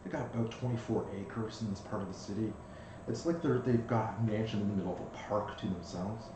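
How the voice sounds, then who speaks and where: A man's voice: fairly low pitch, fairly quick. A man improvising narration as the game master of a tabletop role-playing game. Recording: very echoey room, faint noise.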